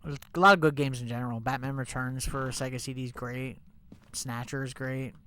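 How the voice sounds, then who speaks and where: A man's voice: medium pitch, steady tone, brisk, pushed and bright. A young man with a stuffy, congested voice chats casually and rambles with lots of fillers while live-streaming a game. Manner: chatty, rambling, many fillers like "like" and "you know".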